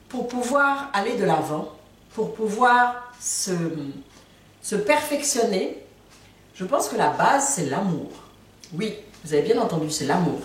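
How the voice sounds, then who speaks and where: A woman teaching a language lesson in a playful way, repeating each word for her learners. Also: fairly high pitch. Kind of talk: casual video lesson. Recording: very echoey room, far from mic.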